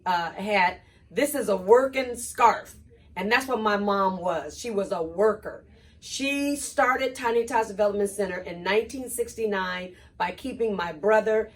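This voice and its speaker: Woman delivering a steady tribute. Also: medium pitch. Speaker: oldest daughter giving a memorial tribute. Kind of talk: prepared memorial tribute.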